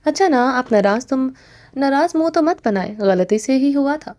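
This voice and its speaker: High-voiced impulsive young wife in a romance audiobook, read by a woman, quick to scold and tease. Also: expressive, darkish tone. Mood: teasing. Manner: pleading then scolding, teasing.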